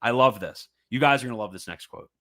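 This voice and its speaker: A man's voice: fairly low pitch, lively intonation, quick pace, bright, forceful tone. A man giving fervent, emphatic commentary, reading a religious text aloud and reacting with repetition and mocking asides.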